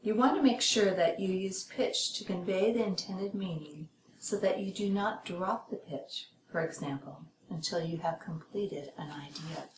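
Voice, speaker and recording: A woman with a lowish voice reads a scripted lesson at a measured pace, acting out short example sentences to show how intonation works. The recording sounds roomy and echoey, with steady noise clearly audible underneath. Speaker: podcast host teaching lectors. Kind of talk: scripted instructional reading.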